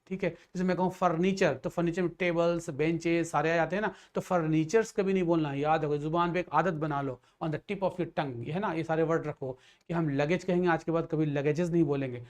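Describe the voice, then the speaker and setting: His voice sits on the high side and is a little mellow. Teaching English grammar to exam candidates in Hindi, he explains with patience, mixes in English phrases and often checks that students are following, saying things like "theek hai".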